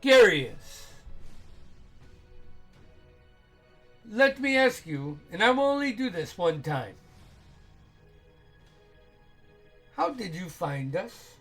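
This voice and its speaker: Casting: man as tabletop-game guard, higher-pitched male, slow, measured, suspicious, politely threatening. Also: sing-song, fairly bright tone, breathy edge, faint music behind, full character voice. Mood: stern questioning. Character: suspicious, menacing male property guard questioning intruders.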